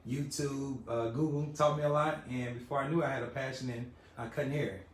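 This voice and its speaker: Speaking briskly in a mid-range voice with fairly even intonation, a middle-aged man who owns a large indoor barbershop responds earnestly and politely to questions, filling his answers with many fillers. It's a casual live-video interview, shot on the interviewer's phone camera, with the roomy shop's faint ambience in the background.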